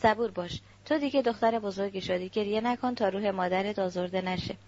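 A woman voicing a grieving, kindly middle-aged uncle who speaks in a soft, consoling way in a storybook reading. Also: medium pitch, steady tone, lightly acted. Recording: dull lo-fi recording.

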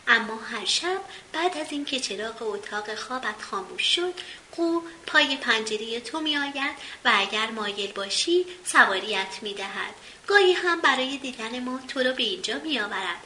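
A woman's voice: fairly high pitch, lively intonation, sharp tone. A woman voicing a wise little male forest being who speaks in an earnest, cautioning way, in a roomy recording with faint hiss.

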